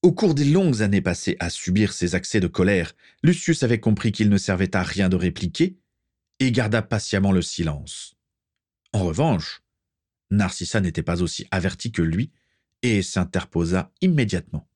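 A man narrating a story aloud in a steady, measured way. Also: low-pitched, husky, no room sound, studio quality. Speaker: reader. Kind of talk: audiobook narration.

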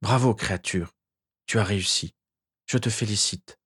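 A man's voice: on the low side, moderate pace, fairly bright tone, slightly rough, no echo, studio quality. A man voicing a young wizard in agony, despairing, sobbing and pleading in a strained voice. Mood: weak, resigned. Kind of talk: amateur audiobook character voice.

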